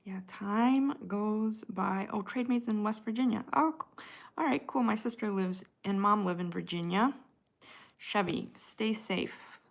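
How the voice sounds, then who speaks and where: Speaking at an unhurried pace, this woman has a gravelly, medium-pitched voice. She's an American with a Midwestern accent hosting a relaxed livestream, answering viewer comments and calling people by name.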